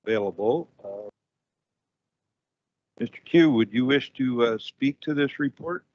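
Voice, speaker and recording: A man's voice: mid-range voice, measured pace, muffled recording, a little hiss or hum. A man chairing a council committee, calling on speakers in a brief, procedural way.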